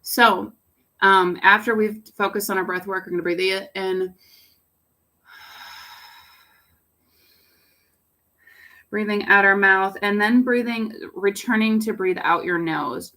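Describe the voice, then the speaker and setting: A woman yoga instructor guiding a home yoga class in a relaxed way, with a raspy voice and pollen congestion. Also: medium pitch, takes it slowly, long pauses. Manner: relaxed, cueing poses with fillers. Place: home under construction. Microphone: laptop camera.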